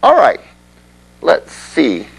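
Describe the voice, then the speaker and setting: A man's voice: a little high, huge pitch swings, extremely slow, gravelly, slightly rough, poor audio. A man teaching a web development class in a classroom, explaining things conversationally and often checking in with the students. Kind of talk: classroom lecture.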